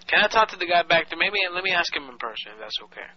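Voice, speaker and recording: A man's voice: fairly high pitch, sing-song, rapid-fire, a crowd in the background. A man playing a brash late-night caller who claims to be Samoan and rambles pushily through a prank call. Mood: pushy. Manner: pushy, rambling, mock-offended. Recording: dull lo-fi call recording.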